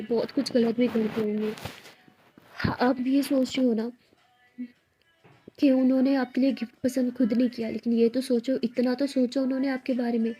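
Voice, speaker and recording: A woman voicing a young, affectionate college girl who pleads and coaxes softly in a told love story. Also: a little high, husky, lo-fi sound.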